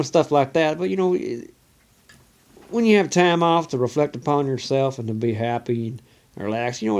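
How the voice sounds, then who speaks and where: A man's voice: a little high, a little mellow. A man from Oregon putting on a Southern US redneck drawl, rambling casually to a phone camera and leaning on "you know" constantly. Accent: put-on Southern US redneck drawl. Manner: folksy, leans on "you know" constantly, loose and meandering. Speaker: vlogger.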